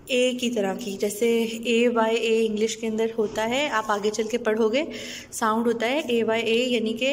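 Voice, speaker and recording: A woman's voice: on the high side, long reverb tail, slight background noise. A woman teacher, patiently teaching young children, often asking the class questions and checking they follow.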